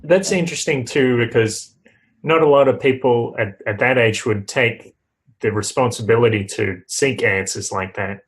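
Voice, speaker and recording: A man's voice: medium pitch, moderate pace, poor audio. A man hosting a podcast interview, listening closely and prompting with short questions and agreeing murmurs. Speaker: podcast host. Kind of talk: casual interview talk.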